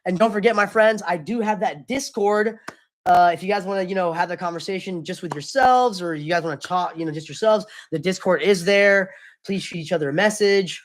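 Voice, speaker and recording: A man's voice: high voice, fairly quick. A young man streamer chatting casually with his live chat, loose and slangy, often apologizing.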